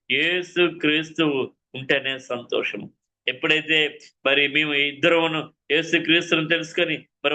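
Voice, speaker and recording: Male preacher, fervent and repetitive, sharp bright tone. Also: on the high side, muffled recording. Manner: fervent, repetitive, addresses listeners often. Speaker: preacher giving his testimony. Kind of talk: testimony sermon.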